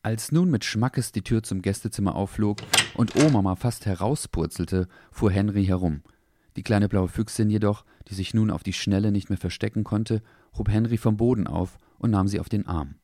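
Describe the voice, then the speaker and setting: A man narrating a children's story in a calm, measured way. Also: on the low side, no room sound, studio quality.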